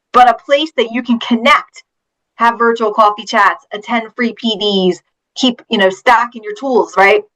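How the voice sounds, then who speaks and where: A woman's voice: mid-range voice, sharp tone, poor audio. A woman from Pennsylvania, a teacher and author, answering interview questions in an earnest, storytelling way. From Pennsylvania, USA.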